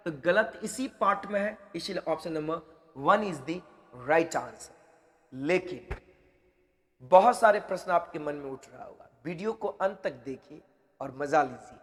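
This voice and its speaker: A man teaching English grammar for exam preparation, explaining each rule slowly and repeating key phrases several times. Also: high-pitched, big-room sound. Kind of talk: exam-prep grammar lesson.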